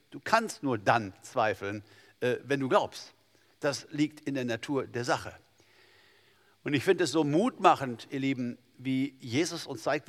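A male pastor delivers a lively sermon, rising to loud emphatic peaks and then dropping to near-hushed intimacy. His voice sits at an ordinary middle pitch. A long reverb trails his words around a church hall.

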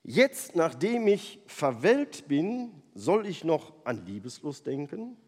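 A man puts on an old woman, wry and doubtful about her age. The voice swoops up and down with lively pitch. A long hall reverb hangs behind it. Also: slow pace, exaggerated voice.

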